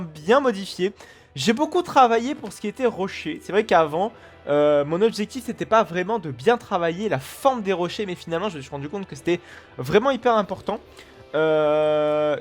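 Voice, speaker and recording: Chatty man with a fairly high voice. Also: a bit bright. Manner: chatty, rambling with many fillers and restarts. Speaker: let's play host. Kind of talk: casual game commentary.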